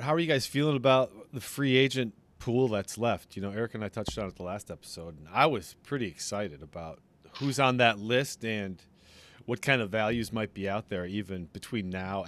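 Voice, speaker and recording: A man's voice: on the low side, moderate pace, fairly bright tone. Casual podcast host, man, laughs easily, rambles. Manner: laughing, chatty, tangents. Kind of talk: casual chat.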